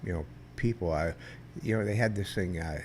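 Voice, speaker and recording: An older veteran guest tells stories in a casual interview, rambling and halting with many restarts. His low voice is loud and carries, and a little hiss or hum sits under the recording.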